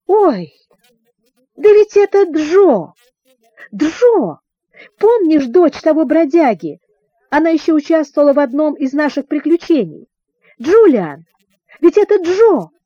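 A woman voicing an excitable teenage boy in a storybook reading, exclaiming eagerly. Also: sits high, slow, long pauses, no echo, lo-fi sound, voice pushed up, heavily acted. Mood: excited.

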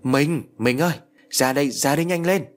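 A man's voice: medium pitch, big pitch swings, quick pace, slightly rough, soft background music. A man voicing a frightened middle-aged village man who stammers and pleads in an audio story. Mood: panicked.

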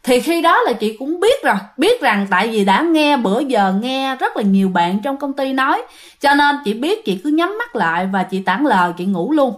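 A woman's voice: high-pitched, big pitch swings, normal speed. A woman telling a ghost story in a chatty way, often speaking straight to her listeners. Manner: chatty, many fillers, addresses the audience directly.

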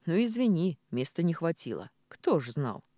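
Brief: woman reader playing a jovial, loud bearded villager, dry close recording. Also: deep voice, sing-song, moderate pace, no echo. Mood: jovial teasing. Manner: laughing, loud.

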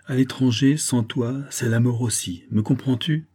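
A man's voice: mid-range voice, moderate pace, dark tone, slightly rough, natural voice. A man voicing a proscribed young nobleman writing a solemn farewell letter in an audiobook. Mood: solemn, resolute. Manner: earnest, solemn letter reading.

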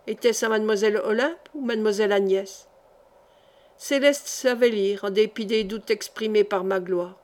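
A woman narrating a historical novel as an audiobook, in a measured, expressive reading. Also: mid-range voice.

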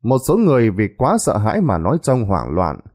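A man's voice: lowish voice, huge pitch swings, brisk, darkish tone. A man telling a horror story in a dramatic way that builds suspense.

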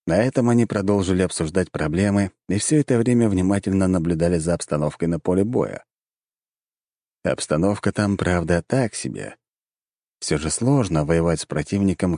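A man reading an audiobook as narrator in an even, measured way. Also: sits low, no echo, studio quality. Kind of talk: scripted narration.

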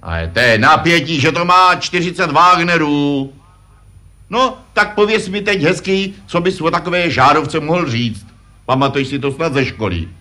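A man's voice: fairly high pitch, lively intonation, bright, forceful tone. A man voicing a pompous, know-it-all puppet father in a vintage puppet comedy sketch, lecturing his son. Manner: self-important, lecturing, fond of "že jo". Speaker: puppet performer.

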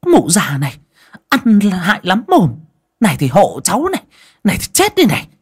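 A man voicing a cruel, abusive village woman in an audio story, with a shrill, screeching way of cursing. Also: wildly swooping pitch, brisk, slightly rough, heavily acted. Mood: furious. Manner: snarling, hurls curses.

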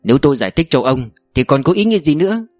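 A man's voice: a little high, big pitch swings, racing, a little mellow, no echo, soft background music. Man doing a cunning security boss, blunt, audiobook read, dry sound. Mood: scheming. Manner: blunt, bossy. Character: sly older male security chief, scheming.

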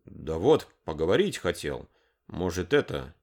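A man's voice: low-pitched, very animated, a little slow, darkish tone, full character voice. A man voicing an awkward, earnest young suitor. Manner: hesitant and earnest.

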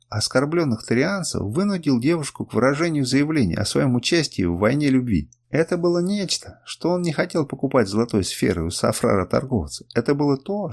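A man narrating a first-person adventure audiobook in an expressive reading. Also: mid-range voice, slightly rough. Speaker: audiobook reader.

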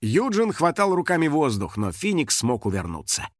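A man reads a children's story aloud as narrator, with a fairly high voice that rises and falls constantly. His delivery is animated and storyteller-like. The sound is dry and close to the mic, with no room around it. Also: moderate pace, no room sound. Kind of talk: expressive audiobook narration.

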